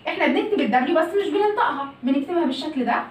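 A woman's voice: sits high, expressive, racing. A woman with an Egyptian Arabic accent teaching English pronunciation in a video lesson, asking and answering her own questions. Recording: echoey room, mic at a distance.

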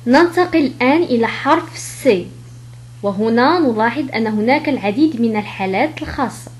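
Walking through letter rules in French, a woman teaches pronunciation and repeats every example word at a slow pace. She sounds a little high and expressive, with a slight hiss or hum in the audio.

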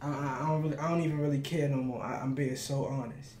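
A man hosting a reaction video, talking casually while standing, hyped and full of shout-outs. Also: mid-range voice, fairly even intonation, fast, slight background noise. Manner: talks standing up. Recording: echoey room with music playing.

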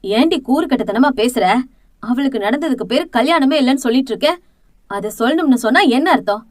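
A woman's voice: high voice, expressive, a little fast, no room sound, studio quality. A woman voicing a blunt, protective older matriarch who lectures firmly in an audiobook drama. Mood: scolding. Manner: scolding, firm and lecturing.

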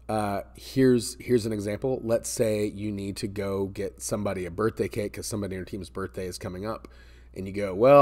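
An American man in his forties, with a lowish, slightly mellow voice, gives business advice straight to camera in a conversational, explanatory style, repeating words for emphasis. He's in an indoor office space with a metal ceiling and a glass garage door.

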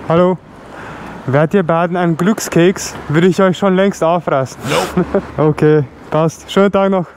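A man's voice: high-pitched, steady tone, a little slow. A young man, chatting casually and cheekily on a motorbike vlog. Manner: slangy, laughing, cheeky pickup lines. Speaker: motovlogger. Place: outdoors on a city street, on a motorbike. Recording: noisy street and engine sound.

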